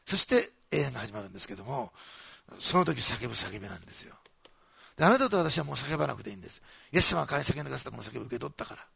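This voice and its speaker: A man preaching a sermon as pastor, animated and repeating phrases for emphasis, joking with the congregation. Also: mid-range voice, rapid-fire, vocal fry, slightly rough, no room sound.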